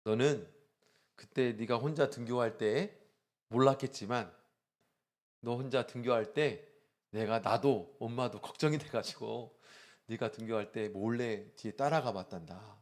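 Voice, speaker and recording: A man voicing a gentle mother who softly tells her child how she quietly watched over them. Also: medium pitch, measured pace, close to an everyday voice. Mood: tender. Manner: soft, tender, explaining.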